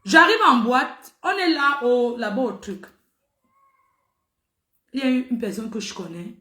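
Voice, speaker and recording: A middle-aged woman talks straight to her viewers, telling a story in an animated, emphatic way and hammering her points home by repeating them. Her voice sits high and sounds bright and forceful. The recording has a noticeable roomy echo. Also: a little slow. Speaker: social media personality.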